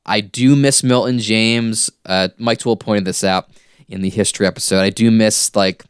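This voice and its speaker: A man with a deep, clear voice chats as a podcast co-host. His commentary is thoughtful and informal, captured in a clean room without echo. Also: steady tone, normal speed, studio quality. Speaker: podcast host discussing an animated series. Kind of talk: casual analytical chat.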